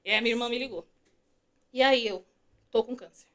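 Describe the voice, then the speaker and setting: A woman's voice: on the high side, fairly quick, echoey room. A woman giving an emotional personal testimony as a podcast guest, telling her story and acting out the dialogue she quotes.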